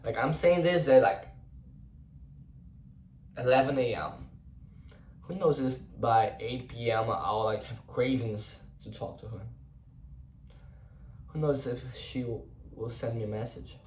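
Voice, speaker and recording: With long pauses and a measured pace, the young Portuguese-speaking vlogger thinks out loud in English, rambling, restarting, and swearing now and then. His mid-range voice has a darkish tone. He's far from the mic, with roomy echo and a faint hiss or hum.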